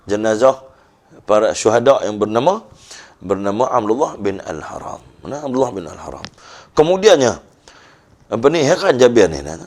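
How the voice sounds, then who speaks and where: Male religious teacher, northern Malaysian accent, animated storyteller voice for a youth talk. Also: moderate pace, pauses often. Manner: animated storytelling, voicing quoted figures with rising pitch.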